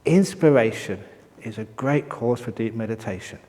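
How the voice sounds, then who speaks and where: A man's voice: mid-range voice, moderate pace, mellow. Middle-aged man, monk giving a talk, storytelling, mid-range voice, long hall reverb. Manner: storytelling, breaks into laughter. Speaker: meditation teacher monk. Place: meditation hall at a retreat.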